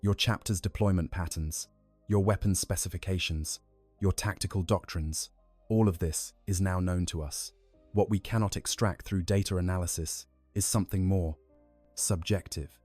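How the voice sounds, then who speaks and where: A man voicing an ancient, curious male Necron lord in a measured, formal way. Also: deep voice, steady tone, darkish tone, no echo, faint music behind. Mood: cold.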